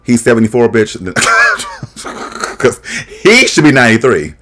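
A man's voice: medium pitch, huge pitch swings, a little slow, fairly bright tone. Sassy man reacting with shady jokes. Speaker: reaction video host. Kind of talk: casual reaction commentary. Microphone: desk microphone, webcam.

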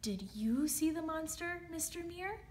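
A woman's voice: very high voice, expressive, measured pace, slight background noise, voice pushed up. A woman voicing a curious, eager young girl asking questions in a storybook reading.

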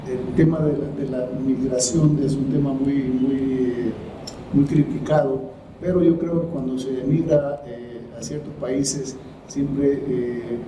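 A middle-aged man answers interview questions slowly and reflectively, often pausing and repeating himself as he finds his words. His voice sits at an ordinary pitch and is picked up from across a roomy space. There is a clear hum of background noise. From El Salvador, raised in the United States. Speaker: writer and poet, interview guest. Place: high-floor room by a large window over a city. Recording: roomy echo from the camera mic at a distance, noise behind.

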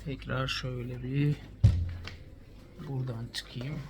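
Pigeons coo throughout this noisy clip as a man from Turkey presents his quails in a relaxed vlog. He talks to the birds in a warm, calming way, his mid-range voice moving little in pitch and keeping a slow pace.

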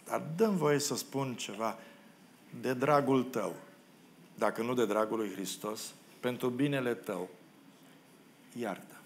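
A male pastor preaching from the pulpit at an ordinary pitch, his voice dramatic and expressive as he acts out the quoted figures. He drops in wry, self-deprecating asides to the congregation. A faint hiss and the ambience of the church sit under his voice. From Romania. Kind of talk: sermon. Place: church hall.

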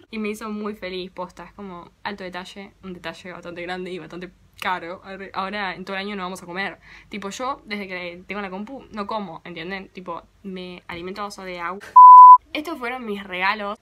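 A woman's voice: medium pitch, pushed and bright. A young woman with a Rioplatense Spanish accent, chatting casually to camera in a dramatic, self-mocking vlog. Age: young adult. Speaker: vlogger.

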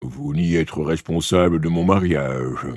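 A man's voice: darkish tone, dry recording, clean studio sound. A man doing a weary, stern old king. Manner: slow, low and deliberate, dropping to confiding. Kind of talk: audiobook character voice.

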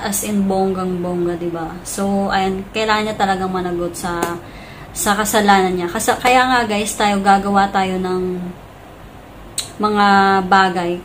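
A woman vlogger chatting casually, leaning on filler phrases and speaking loudly. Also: medium pitch, noisy background. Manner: chatty, fills with "so, ayan guys"; speaking loudly to carry over a weak mic. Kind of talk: casual reaction vlog.

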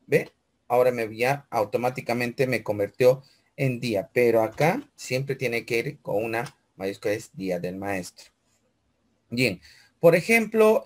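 A man teaching a computer class, talking the students through each step and often checking in with them. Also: mid-range voice. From Peru. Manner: walks through steps aloud, keeps checking with "¿ve?" and "chicos"; asks questions in a student's voice, then answers them. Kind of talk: screen-recorded computer class.

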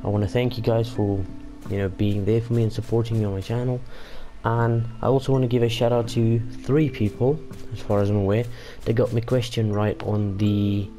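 A young gaming YouTuber whose first language is Afrikaans rambles casually over his gameplay, full of fillers and restarts. His voice is lowish and flat, fairly quick, with music playing underneath.

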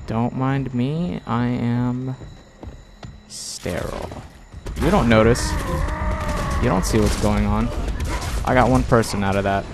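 A man's voice: mid-range voice, slow, long pauses, music in the background. A young man giving casual gameplay commentary with playful, self-mocking banter.

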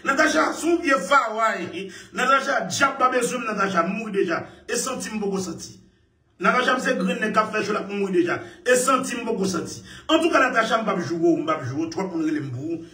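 A man talking excitedly in casual speech, laughing often and repeating his phrases. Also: high-pitched, moderate pace. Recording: echoey room, far from mic.

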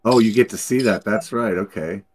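A man's voice: lowish voice, normal speed, a little mellow. A man chatting and joking with friends while playing online poker. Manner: joking, self-talking banter. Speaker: poker player on voice chat. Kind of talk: casual chat during online poker.

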